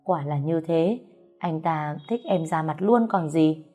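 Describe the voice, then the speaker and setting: A woman voicing a young husband who scolds and then comforts his wife, with soft music behind. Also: low-pitched, a little slow. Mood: soothing. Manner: scolding then soothing, plain speech. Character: young husband, gruff but tender.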